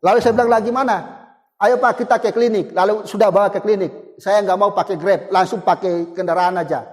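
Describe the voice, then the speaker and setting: A man's voice: high-pitched, steady tone, a little fast, darkish tone, in a large hall. A man, preaching a sermon and telling a personal testimony in a conversational, storytelling way. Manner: conversational, storytelling with acted quotes and chuckles.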